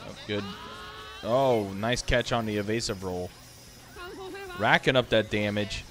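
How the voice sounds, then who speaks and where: A man's voice: on the low side, a little slow, fairly bright tone. A sleepy man casually commentating fighting game matches on a live stream, thinking aloud with many fillers. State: sleepy, yawning.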